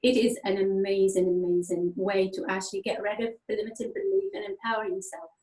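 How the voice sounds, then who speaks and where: A woman from Tunisia whose first languages are French and Arabic, a therapist explaining her work in lively conversation, laughing often and using many fillers. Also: medium pitch, fairly quick. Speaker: therapist guest. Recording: echoey room.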